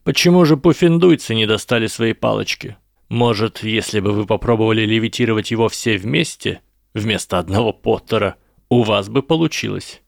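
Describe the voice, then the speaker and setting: Man doing a snooty rich-kid wizard, drawls and sneers, a bit gravelly. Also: lowish voice, normal speed, dry recording, clean studio sound. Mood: sneering. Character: haughty aristocratic schoolboy wizard.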